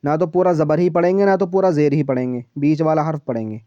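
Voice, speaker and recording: A man teaching a one-on-one Quran reading lesson, patiently explaining rules and repeating syllables slowly so they can be copied. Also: fairly high pitch, steady tone, mellow, no room sound. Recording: dull lo-fi, dry sound.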